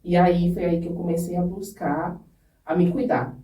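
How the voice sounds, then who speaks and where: A woman tells her personal story on a podcast, earnest and open, often breaking off to restart a thought. Her voice is mellow and relaxed, and it sounds a little distant from the mic in a noticeably echoey room. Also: lowish voice, normal speed. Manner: earnest and candid, with frequent restarts. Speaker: podcast guest.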